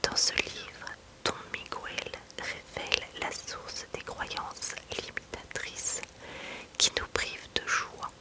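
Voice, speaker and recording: Lady doing asmr book talk in a hushed library whisper, really slow and soft, chatty. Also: rough recording. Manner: unhurried, chatty delivery mixed with reading aloud. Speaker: ASMR host presenting self-help books.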